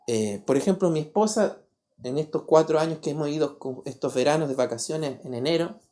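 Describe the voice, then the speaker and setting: A man, preaching a sermon as pastor. He talks in an animated way and keeps asking the congregation rhetorical questions. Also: on the high side, brisk. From Paraguay. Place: church.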